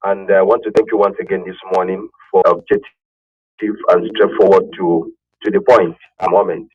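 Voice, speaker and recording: A man calling in to a radio show, speaking haltingly and searching for words. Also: deep voice, level tone, husky, no echo. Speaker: caller. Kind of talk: call-in radio speech. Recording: muffled call line with faint music.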